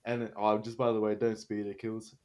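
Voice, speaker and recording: A man's voice: lowish voice, little pitch movement, brisk, a little mellow. A teenage man, telling a story in a casual chat, laid-back and slangy. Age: teens. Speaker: student.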